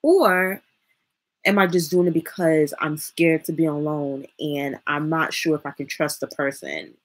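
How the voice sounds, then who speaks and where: A woman's voice: low voice, fairly even intonation, measured pace. A woman live streaming and giving relationship and parenting advice in a casual, rambling way. She talks with a slight lisp from braces and thinks aloud between points.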